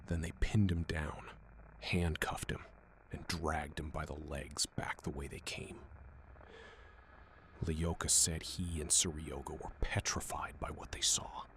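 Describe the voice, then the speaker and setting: Man whispering a slow horror tale. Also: very deep voice. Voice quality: hushed whisper. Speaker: horror story narrator. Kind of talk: whispered narration.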